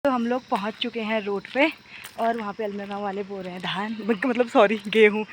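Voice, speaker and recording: Loud, cheerful young woman vlogging outdoors. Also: medium pitch, fairly even intonation, moderate pace, a little hiss or hum. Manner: loud, laughs a lot. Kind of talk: casual vlog narration. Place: outdoors in forest and fields.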